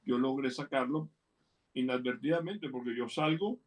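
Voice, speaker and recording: A man's voice: mid-range voice, normal speed, far from the mic. An older man with a Venezuelan accent, a guest telling personal anecdotes in a playful way, acting out the voices of the people in his stories. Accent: Venezuelan Spanish. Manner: playful storyteller, acts out quoted voices. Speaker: guest, interviewer's father. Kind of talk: anecdotal storytelling.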